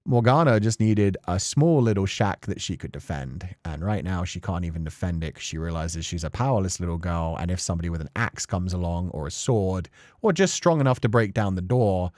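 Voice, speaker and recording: In a dry, studio-quality recording, a man with a low, somewhat mellow voice talks at a moderate pace. As a streamer, he gives casual, emotional commentary on a story game, rambling informally through his analysis with swearing and acted-out paraphrases.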